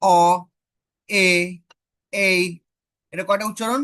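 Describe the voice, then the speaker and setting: A woman teaching an online phonetics class, asking students questions and repeating vowel sounds slowly to model them. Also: mid-range voice, steady tone, fairly bright tone.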